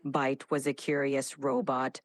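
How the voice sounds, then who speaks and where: A female-sounding AI assistant reading a story aloud in a dramatic robotic voice, slow and theatrical. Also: rumbling low, flat delivery, no room sound.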